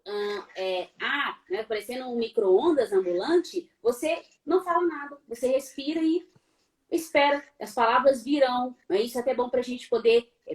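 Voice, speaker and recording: A middle-aged Brazilian law professor with a Brazilian Portuguese accent coaches her audience during a live online talk. Her pitch runs a little high and her delivery stays animated. She poses rhetorical questions to herself and playfully imitates sounds.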